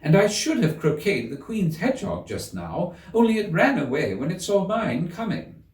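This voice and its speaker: A man's voice: high-pitched, very animated, normal speed, pitched above the performer's own voice. A man voicing an earnest, prim young girl in a storybook, with a plaintive, complaining manner. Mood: plaintive complaint. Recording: roomy echo, distant mic.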